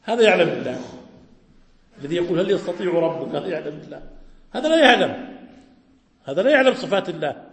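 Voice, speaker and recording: A man's voice: sits high, very animated, fast talker, pauses often. A male preacher giving a religious lesson, explaining by asking rhetorical questions and answering them himself. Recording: echoey hall with long reverb.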